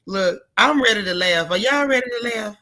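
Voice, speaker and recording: Hosting a casual live recap on a livestream, a woman greets viewers by name using folksy slang. Her mid-range voice is loud, gravelly and hoarse, animated and moderately paced.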